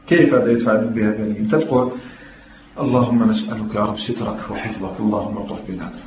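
A man with an Algerian Arabic accent teaches at a fast pace, pressing his listeners with questions and quoting scripture. The sound is roomy and echoey, with a dull lo-fi tone and faint hiss behind it. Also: medium pitch. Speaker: religious teacher. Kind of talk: Islamic lesson in mixed Algerian dialect and classical Arabic. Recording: echoey, dull lo-fi room recording.

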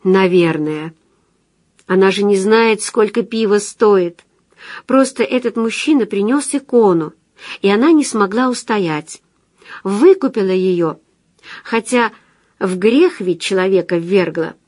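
A gentle older nun, quietly instructive and a little reproachful, as voiced by a woman reading aloud. The sound is close and dry, in a middle register. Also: mid-range voice, animated, measured pace, dry recording. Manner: mildly reproachful and sighing.

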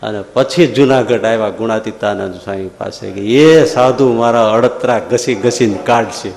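Monk preaching in an echoing hall. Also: male voice, on the low side, moderate pace, creaky. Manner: folksy storyteller, rising to animated exclamations. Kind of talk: storytelling sermon. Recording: echoey long hall reverb.

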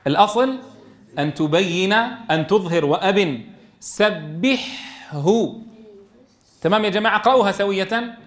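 A man teaching a Quran recitation class, calling on students by name and reciting verses slowly. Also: high voice. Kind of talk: classroom tajweed lesson.

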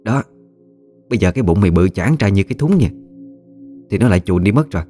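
A man's voice: sits low, expressive, fast, dark tone, faint music behind. A man voicing a cruel, scheming middle-aged aunt who speaks harshly and snarls her words. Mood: scolding.

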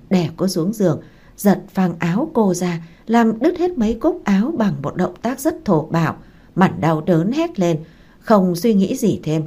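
A woman, narrating a dramatic story in a steady reading voice. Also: on the low side.

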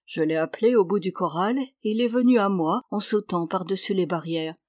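A woman reading the lines of a calm, devoted young man in a storybook, in an earnest, steady voice. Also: mid-range voice, fairly quick, no echo, clean studio sound, natural voice. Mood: serious.

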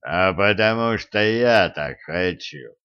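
A man voicing a huge male stone monster that speaks slowly and mockingly in a booming, hollow voice. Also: expressive, fairly bright tone, smooth, full character voice. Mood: menacing. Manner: slow, drawn-out threatening speech. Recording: dull lo-fi recording.

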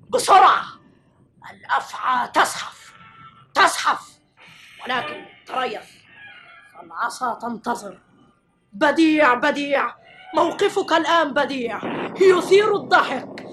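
Taunting child bully, woman voices, bright and high, radio play. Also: normal speed, soft background music. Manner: teasing, mocking, gloating laughter. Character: mischievous taunting boy, Cain as a child. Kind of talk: radio drama acting.

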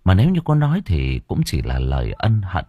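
A man narrating an audiobook story in an expressive, storytelling manner. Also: deep voice, a little fast, husky, dry recording, muffled recording.

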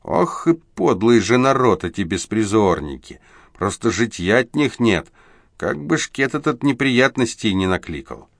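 A man voicing a gruff, plain-spoken companion who scolds bluntly, in an audiobook. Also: fairly low pitch, very animated, measured pace, no room sound, studio quality, pitched above the performer's own voice, full character voice. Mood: wary.

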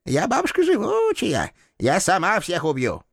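Man voicing a shrill, creaky old landlady. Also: huge pitch swings, moderate pace, dry recording, studio quality, full character voice. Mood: threatening. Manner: folksy, scolding, threatening. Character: cantankerous old village landlady with a shotgun.

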